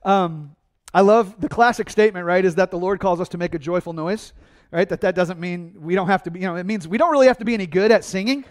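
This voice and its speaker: A man preaching a sermon, energetic and conversational, asking his congregation questions and answering them himself. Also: high voice, quick pace. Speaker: pastor.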